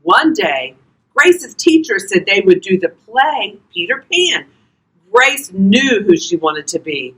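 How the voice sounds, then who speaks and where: An older woman reading a children's storybook aloud expressively, talking directly to young listeners in a husky voice. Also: mid-range voice, very animated, slow pace, a bit bright, low-quality recording. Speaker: volunteer grandparent reading to children.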